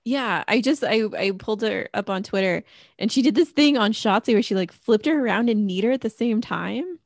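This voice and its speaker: A relaxed woman co-host in casual chat, wry and teasing. The sound is dry and close, with no room around it. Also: on the high side, a little fast, dry recording. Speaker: podcast co-host.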